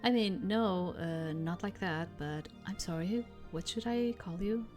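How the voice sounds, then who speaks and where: A woman's voice: fairly low pitch, a little slow, darkish tone, faint music behind, lightly acted. A woman voicing an apologetic fantasy game heroine with an awkward, hesitant way of talking. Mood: flustered.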